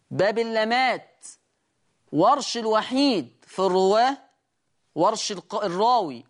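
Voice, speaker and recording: Egyptian guy teaching quran recitation rules, pretty high voice, chants slow examples in between. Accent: Egyptian Arabic. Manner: explains rules and demonstrates by chanting examples slowly. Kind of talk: recitation lesson.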